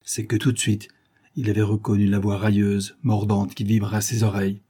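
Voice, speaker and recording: A man reads an old adventure novel aloud in measured, theatrical narration. His voice is low and husky, with a dark, mellow tone. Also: flat delivery. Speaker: audiobook narrator. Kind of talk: scripted narration.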